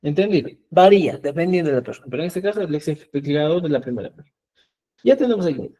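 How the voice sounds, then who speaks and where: A man's voice: a little high, expressive, fast talker, dark tone. A man teaching a Quechua class, explaining patiently and often checking that students follow. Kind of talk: classroom lesson.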